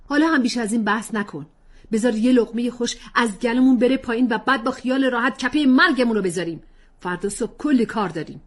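A woman reading a story aloud, voicing an angry middle-aged father who shouts at his wife at dinner. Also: fairly high pitch, pitched above the performer's own voice, close to an everyday voice.

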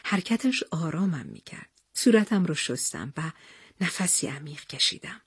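A woman narrating a memoir in the first person, with soft, emotional storytelling. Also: low voice, very animated, slightly rough, dry recording, clean studio sound.

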